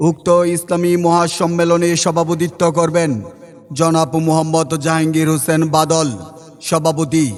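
A man calls out a formal event announcement as if through a loudspeaker. His voice sits slightly high and stays in a strikingly flat, chant-like line. A long reverb trails every phrase, and faint music plays underneath. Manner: slow, formal and drawn out, like a loudspeaker caller.

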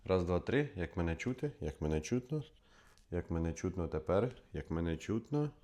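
Deep-voiced man vlogging a mic test. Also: sing-song, normal speed, mellow. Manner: rambling, thinking aloud, repeated test counts. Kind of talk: casual solo vlog, testing a microphone. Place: at home, later in a kitchen. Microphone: clip-on microphone under test.

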